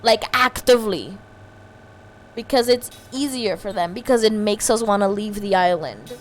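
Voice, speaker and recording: A woman's voice: mid-range voice, moderate pace, slight background noise. A woman from Puerto Rico, a streamer chatting heatedly and emphatically over gameplay, swearing freely. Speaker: let's-play streamer. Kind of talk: casual chat over gameplay.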